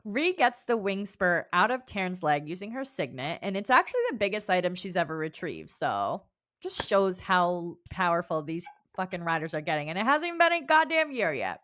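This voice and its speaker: A woman's voice: on the low side, sing-song, fairly quick, fairly bright tone. A woman co-hosting a book club podcast, chatting casually, swearing freely and laughing often. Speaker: podcast co-host.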